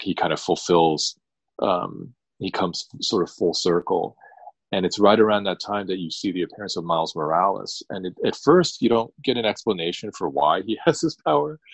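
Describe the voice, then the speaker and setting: A man who is an attorney co-hosts a casual podcast chat, retelling a story at length with frequent ums and restarts. His voice is low-pitched, and the audio is poor with no room sound.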